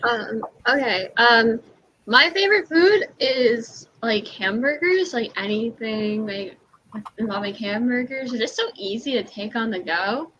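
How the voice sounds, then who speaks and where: A woman cosplayer chatting in character on a livestream, bubbly and excitable. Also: fairly high pitch, a little slow, highs cut off. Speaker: cosplayer answering questions in character.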